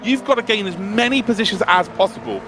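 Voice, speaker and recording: A man's voice: sits high, quick pace, a bit bright, slight background noise. A man giving live motorsport commentary on esports sim racing, analysing in a conversational, enthusiastic way.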